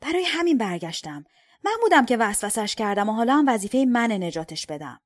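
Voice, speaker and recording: A woman's voice: fairly high pitch, very animated, dry recording. A woman voicing an earnest, devout man who pleads and speaks righteously while seeking forgiveness.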